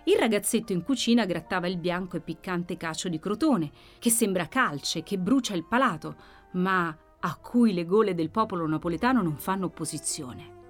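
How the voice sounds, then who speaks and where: A woman narrating a classic novel as an audiobook, measured and expressive. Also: lowish voice, faint music behind.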